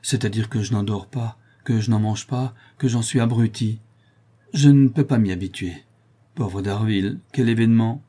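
A noisy, blundering duke, put on by a man reading a novel aloud, bursting with exclamations. The voice is dark and husky. He talks over everything at full volume. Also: on the low side, moderate pace. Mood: exclaiming. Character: loud, blundering, excitable duke.

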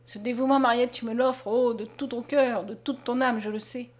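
A woman reads a gentle blind young man from a storybook, low-spoken and tender. The voice sits fairly high, yet stays hushed and mournful throughout. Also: fairly even intonation, normal speed, lightly acted. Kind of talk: audiobook character reading.

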